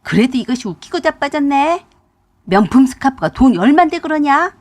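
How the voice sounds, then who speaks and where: A woman's voice: high-pitched, sing-song, moderate pace, voice pushed up. A woman voicing a furious older mother-in-law who scolds in rustic dialect turns, in a radio drama reading.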